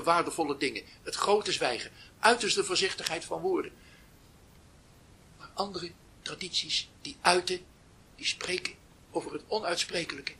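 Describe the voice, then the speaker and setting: A man giving a reflective spiritual talk, telling a story slowly with long pauses, often dropping to near whispers, then rising with emphasis. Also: sits high, sharp tone, a little hiss or hum. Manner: slow, pausing delivery. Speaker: spiritual teacher.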